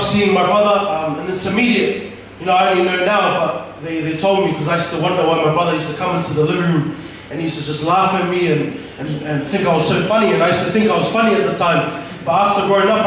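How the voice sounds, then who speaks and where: The speaker is a young man from Tonga giving a casual, filler-heavy church testimony about his life, using a handheld mic on stage in a big room. His voice is high and fairly bright; the distant recording echoes through the hall and has a little hiss or hum.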